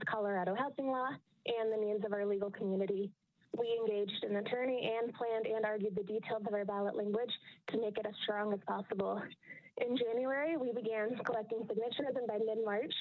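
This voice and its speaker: A woman calling in over a phone line, reading a prepared statement in a steady, measured way. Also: a little high. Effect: heard over a phone line. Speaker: caller giving public comment. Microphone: telephone. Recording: tinny, clipped phone line.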